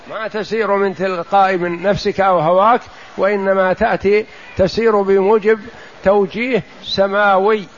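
A man commenting on a religious text in a lesson, explaining slowly and repeating key phrases. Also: high-pitched, fairly bright tone, slight background noise. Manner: explains slowly, repeats phrases and says "yes" to cue the reader. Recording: dull lo-fi recording.

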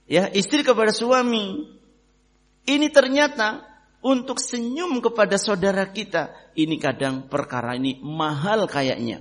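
A man preaching a sermon to his brothers in faith, lively, swinging between loud emphasis and quiet asides, often asking the audience questions. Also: fairly high pitch. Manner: addresses listeners as brothers, asks questions.

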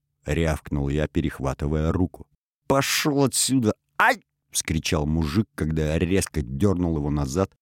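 Deep-voiced man narrating a story. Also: a little mellow, dry recording, clean studio sound. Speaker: audiobook narrator. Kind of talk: first-person scripted narration.

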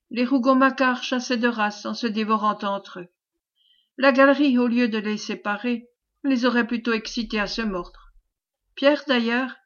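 A woman narrating a classic French novel as an audiobook reader, in a measured, expressive way. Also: fairly high pitch, muffled recording.

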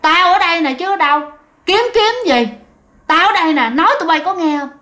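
A rough, mocking male ghost calls out through a walkie-talkie, as a woman puts him on. The voice sits high and pushes hard, demanding an answer. It belongs to a spoken ghost story. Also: fairly quick, pushed and bright. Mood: taunting.

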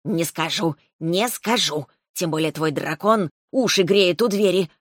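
Woman doing a sly soft-spoken snake. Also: on the low side, unhurried, dry recording, clean studio sound. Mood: teasing. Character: sly female mist snake, calm guardian.

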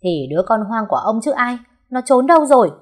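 A woman voicing a spoiled, hot-tempered young woman who yells and whines in a shrill voice in an audio story. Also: normal speed, close to an everyday voice. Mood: furious. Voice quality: shrill, shouting. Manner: yelling and whining.

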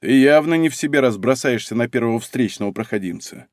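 A man voices a tired, sardonic detective who mutters his words gruffly. The voice is dropped lower than the narration, and the recording is dry and close. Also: animated, quick pace, no room sound, natural voice.

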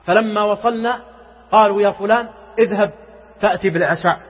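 A man's voice: sits high, fast, husky. A man preaching an emotional sermon, telling a story dramatically and pleading with passion, sometimes chanting verses melodically, on a muffled recording. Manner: dramatic, rises to impassioned pleading. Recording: muffled recording with long hall reverb.

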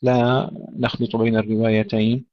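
A man teaching tajweed, slowly chanting verses and then explaining pronunciation points in quick remarks. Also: medium pitch, level tone, no echo, dull audio. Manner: slow melodic Quran recitation alternating with quick explanatory remarks. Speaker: Quran recitation teacher.

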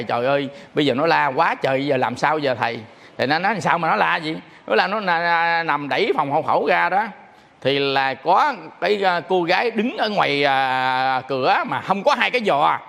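A Buddhist monk giving a sermon, animatedly telling stories and acting out phone calls. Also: male voice, sits high, a bit bright. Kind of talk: sermon with storytelling. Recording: long hall reverb.

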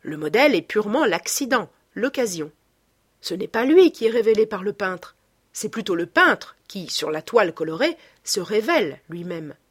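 A woman's voice: medium pitch, sing-song, normal speed, breathy edge. A woman reading aloud as a young male painter, earnest and emphatic, guarding a secret.

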